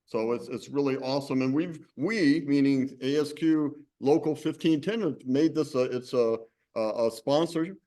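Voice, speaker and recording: A man's voice: mid-range voice, normal speed, warm tone. A man hosting a university meeting in a rambling, casual way. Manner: rambling, full of fillers and restarts. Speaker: program director and host. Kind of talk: informal meeting introduction. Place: university classroom.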